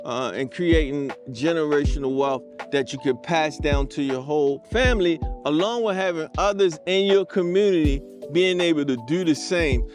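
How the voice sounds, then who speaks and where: High voiced guy on a podcast, preachy and singsong, faint music under him. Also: moderate pace, hardly any pauses. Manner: emphatic and preachy, with a sing-song lilt. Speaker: podcast co-host. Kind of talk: casual conversational discussion.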